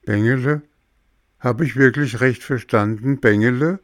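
A man's voice: medium pitch, slow pace, vocal fry, a little mellow, no echo, studio quality, pitched above the performer's own voice. A man voicing a tearful, remorseful wooden puppet boy in a storybook reading, pleading through sobs. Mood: surprised. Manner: sobbing, pleading.

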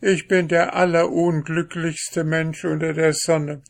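A man's voice: fairly high pitch, flat delivery, slow, gravelly, voice pushed up. A man voicing a shy, unlucky young man in a fairy tale, speaking timidly and pleadingly.

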